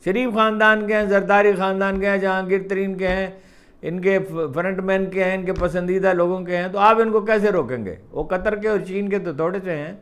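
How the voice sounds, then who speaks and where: A man with a notably high voice holds forth in a political commentary monologue. He talks emphatically and circles back to hammer his points home. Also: steady tone, fairly bright tone. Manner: emphatic, repeats points for stress.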